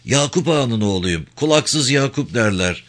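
A man voicing a proud, stubborn young village lad in a Turkish audiobook, in a higher, earnest, defiant voice. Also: lively intonation, moderate pace, a bit bright, lightly acted.

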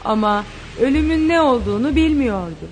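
A woman narrating a story in an expressive, dramatic reading style. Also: high voice, a little fast, husky, big-room sound. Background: faint music.

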